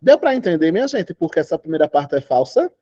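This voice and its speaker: A man's voice: fairly high pitch, sing-song, quick pace, mellow, no room sound. A Brazilian man teaching Portuguese in an online exam-prep class, emphatic and often checking that students follow. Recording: dull, lo-fi online class audio.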